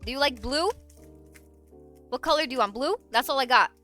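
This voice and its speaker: A woman's voice: sits high, a little fast, bright, forceful tone, faint music behind. A woman streamer in casual live-stream chat, playful and giggly, swearing freely.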